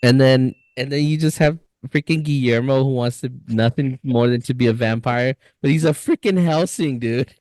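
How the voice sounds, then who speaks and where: An eager man co-hosting a casual podcast, dropping slang and laughing easily. His voice sits at an ordinary male pitch. The sound is close and dry, with no room echo. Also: moderate pace, hardly any pauses, darkish tone. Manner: enthusiastic, says dude and freaking, laughs easily. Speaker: podcast co-host. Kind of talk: casual chat.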